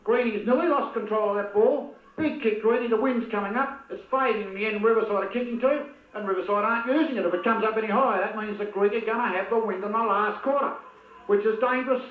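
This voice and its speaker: A man's voice: high-pitched, quick pace. A man giving blunt, partisan commentary on an amateur football match, heckling players by name. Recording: tinny lo-fi old video with echo.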